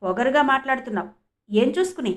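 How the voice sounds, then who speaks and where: An angry, possessive young man snaps and threatens, loud and sneering, as a woman reads him in an audiobook. The voice sits fairly high and pushes hard. The reading is steady and clean. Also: fairly quick.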